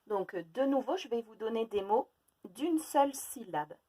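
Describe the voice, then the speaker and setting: A woman teaching a phonics lesson to young children, slowly and clearly separating each sound and stressing the key words. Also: a little high, animated, warm tone.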